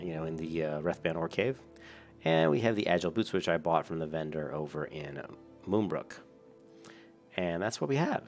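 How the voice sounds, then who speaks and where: Male gaming host at home, low gravelly voice, chatty and self-correcting. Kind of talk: casual gameplay commentary. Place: home room at a large desk. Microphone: desk mic.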